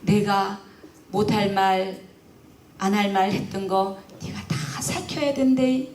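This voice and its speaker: A woman's voice: mid-range voice, takes it slowly, darkish tone, a little hiss or hum, lightly acted. Woman voicing a frail dying old mother. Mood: tender, apologetic. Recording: roomy and distant.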